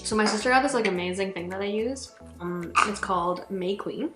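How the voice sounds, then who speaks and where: A woman's voice: medium pitch, a little fast. A young woman chatting casually, giggly and tipsy, often poking fun at herself. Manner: giggly, tipsy, self-deprecating. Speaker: co-host of a sisters' makeup tutorial. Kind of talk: casual chat. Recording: roomy echo, music clearly behind.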